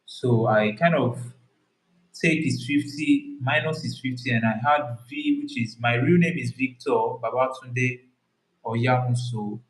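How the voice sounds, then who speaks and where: A man's voice: medium pitch, measured pace. Nigerian man with a Yoruba accent, roomy sound. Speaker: co-host of couple channel. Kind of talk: casual couple Q&A chat.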